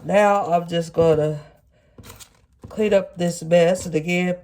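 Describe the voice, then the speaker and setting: Stuffy, congested nasal voice, mellow plant vlogger. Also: medium pitch, fairly even intonation, takes it slowly. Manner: folksy, explains step by step. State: congested after sinus surgery. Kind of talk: casual hands-on demonstration to viewers. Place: home kitchen at the counter.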